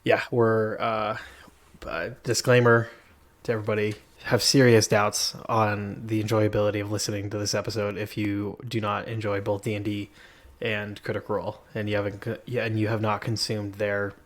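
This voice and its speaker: A man with a lowish voice co-hosts a podcast, chatting casually at a normal pace in a completely flat, dry, jokingly understated way. He sits in an empty room with bare walls and a desk, so his voice echoes.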